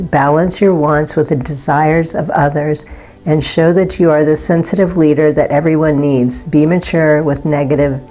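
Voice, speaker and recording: In a deep voice, a woman gives a pick-a-card tarot reading, soft, unhurried, and gently reassuring. She's slightly raspy from not talking all day and often pauses to search for words.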